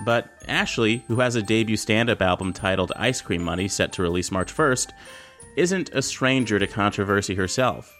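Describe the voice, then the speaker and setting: A man's voice: fairly low pitch, a bit bright. A man hosting a podcast interview in an easygoing, casual way. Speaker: podcast host.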